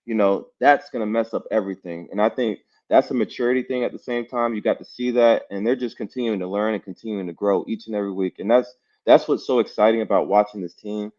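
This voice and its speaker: A man co-hosting a casual sports talk show, talking loosely with lots of "you know" and repeated phrases. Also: on the low side. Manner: relaxed, repeats himself, many "you know"s. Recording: dull lo-fi sound.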